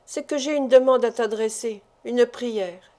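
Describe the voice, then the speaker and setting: A woman's voice: fairly high pitch, a little slow, darkish tone, lightly acted. A woman reading an audiobook, voicing a timid, loving young fiancée who pleads with hesitation and embarrassment. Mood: hesitant.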